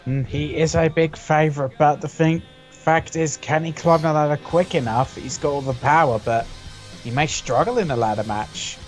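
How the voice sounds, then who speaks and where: A man's voice: fairly high pitch, normal speed, soft background music. A man giving conversational analysis as a pundit on a wrestling preview.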